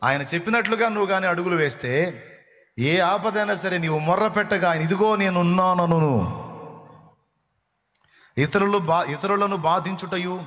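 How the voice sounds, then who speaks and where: A man's voice: high voice, brisk, pushed and bright, in a large hall. A man preaching a sermon as pastor, fervent, repeating reassurances and breaking into sung hymn lines. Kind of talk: Telugu sermon.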